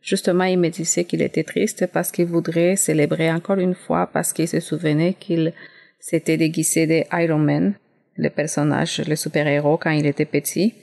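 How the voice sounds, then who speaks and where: Low, slow, gravelly-voiced woman asking politely. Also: flat delivery, a little mellow. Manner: hesitant, polite, with fillers. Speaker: church member asking a question. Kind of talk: question from the congregation.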